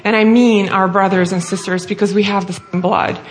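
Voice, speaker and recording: A woman's voice: medium pitch, fairly even intonation, normal speed. A woman from Russia with a Russian accent, preaching an earnest, heartfelt sermon.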